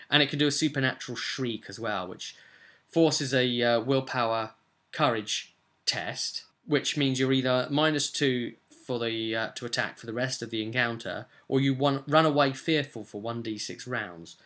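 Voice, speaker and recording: A young adult man's bright, forceful voice sits at medium pitch as he casually explains a tabletop role-playing game he's running as game master. He punches key words conversationally, indoors in a small cluttered room at home.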